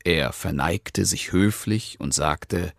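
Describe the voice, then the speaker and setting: A man reads a fable aloud in a slow, unhurried way, his voice sitting low. He tells the story calmly and with measured care. The recording is dry and close, with no room sound. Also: vocal fry, dry recording. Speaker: narrator. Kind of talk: scripted storybook narration.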